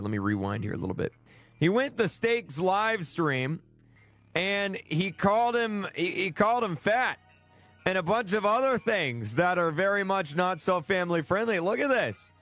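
A man's voice: high voice, a bit bright. A man hosting a gaming stream, chatting casually and rambling to his viewers with lots of restarts. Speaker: gaming channel host.

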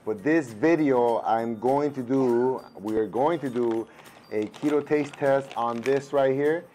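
In a casual vlog recorded indoors at home, a food reviewer in his thirties samples a snack at the table, his voice husky since losing it the day before. It's a mid-range, mellow voice, a little slow, with a bit of hiss or hum on the lapel mic. He stays easygoing, uses fillers as he thinks aloud, and shifts into Spanish with his kids.

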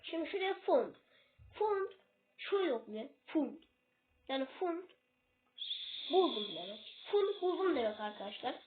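Very animated and at normal speed, this self-made English tutor has a high voice and gives a relaxed video lesson, often hesitating and losing track before fixing her mistakes. The audio is tinny and phone-like, with slight background noise.

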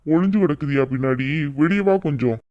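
A man's voice: fairly high pitch, brisk, natural voice. Cartoon dad, domineering bully, as a man plays him; mocking, scolding, muffled lo-fi. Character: bullying domineering village father, middle-aged man.

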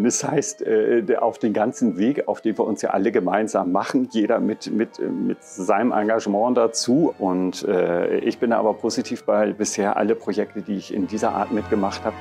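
A man's voice: fairly low pitch, vocal fry. A man, an opera soloist, talking hesitantly in an interview with many fillers. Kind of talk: interview statement. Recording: loud music behind.

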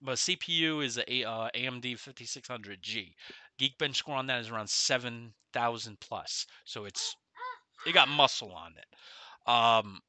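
Bright-voiced man, numb from the dentist. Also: mid-range voice, unhurried, dry recording. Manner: speaking oddly with half his face numb from the dentist. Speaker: game streamer. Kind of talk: casual gaming livestream chat. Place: small room at home, indoors.

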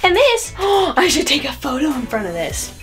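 A woman's voice: high voice, wildly swooping pitch, moderate pace, music in the background. A young woman vlogging casually, chatting playfully to her viewers. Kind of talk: casual vlog chat.

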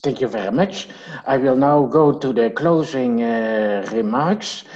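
A man's voice: mid-range voice, measured pace, a little mellow, dull audio. A man moderating a webinar panel with brief, polite handovers between speakers.

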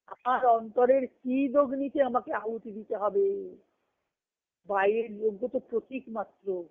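Over a tinny, band-limited conference phone call, a woman with a medium-pitched voice delivers an earnest, emphatic devotional discourse. A spiritual discourse speaker, she recites scripture and verse, pausing between short phrases.

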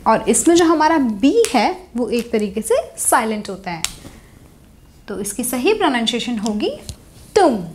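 Lively high-voiced woman teaching pronunciation. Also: a little hiss or hum. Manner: clear, explanatory, repeats each word slowly. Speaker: English teacher. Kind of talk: Hinglish pronunciation lesson.

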